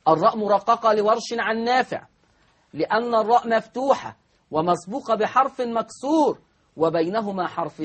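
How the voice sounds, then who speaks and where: Husky high-voiced Egyptian sheikh teaching. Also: male voice. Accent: Egyptian Arabic. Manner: drawls example words slowly, asks the class questions. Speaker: Quran recitation teacher. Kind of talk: spoken lesson on recitation rules.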